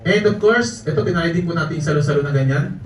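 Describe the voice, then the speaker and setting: A man's voice: fairly high pitch, fast talker. A man telling jokey travel stories to a live audience, laughing often as he speaks, recorded from a distance in an event hall. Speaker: network marketing speaker. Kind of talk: storytelling talk to a live audience. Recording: echoey hall, distant mic, audience noise.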